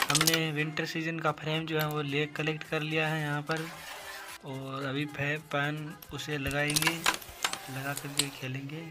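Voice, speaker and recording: A man gives a running voice-over of his own mobile carrom game, explaining each shot as he plays it. His voice sits a little high and stays level in pitch. Game music plays clearly behind him. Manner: talks through each shot, calls viewers "guys". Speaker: gaming channel host. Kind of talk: casual gameplay commentary.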